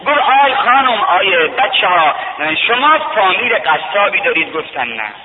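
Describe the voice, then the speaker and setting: A man telling a story as a sermon, with dramatic rising cries and drawn-out emphasis, heard through a tinny radio broadcast from a mosque hall. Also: sits high, big pitch swings, a little hiss or hum. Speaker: preacher. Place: mosque over loudspeaker.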